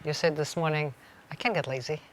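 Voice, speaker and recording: Bright-voiced guest with brief agreeable replies. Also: medium pitch, fairly even intonation, brisk, low-quality recording. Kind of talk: casual chat.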